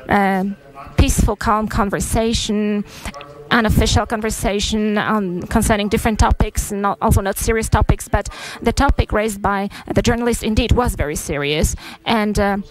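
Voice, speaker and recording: A woman interpreting a press statement live into English, halting with frequent pauses and fillers. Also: mid-range voice, poor audio.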